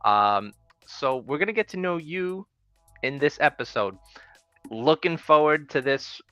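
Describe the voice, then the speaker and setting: A man's voice: fairly high pitch, animated, a little slow, bright, forceful tone, clean tone, dry recording, soft background music. A man with a New York accent hosting a casual livestream interview over a video call, upbeat and joking. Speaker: host.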